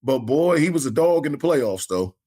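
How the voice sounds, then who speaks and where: With a mellow, medium-pitched voice and a sing-song lilt, this fantasy football podcast co-host talks at a moderate pace. He keeps things casual and folksy, frequently repeating himself as he begins a new thought.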